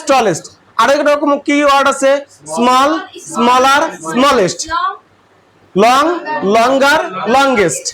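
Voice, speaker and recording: A man's voice: very high voice, sharp tone. A man with a Bangladeshi accent teaching English grammar to a class, asking questions and repeating the answers.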